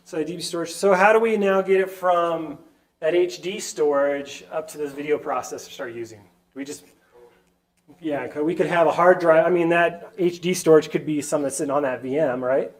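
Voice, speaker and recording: A man's voice: on the high side, normal speed. A man with a stuffy, nasal voice from a sinus cold, giving a casual whiteboard tech talk to a user group and often checking in with the audience. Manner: chatty, keeps asking the audience "right?".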